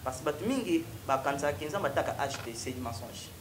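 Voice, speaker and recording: A young Congolese-accented man, a prophet appearing as a guest, recounts his testimony in a TV studio interview in front of a stone wall, moving between French and Lingala. His voice sits on the high side and comes out animated and fast. The room is echoey, with a slight hiss or hum.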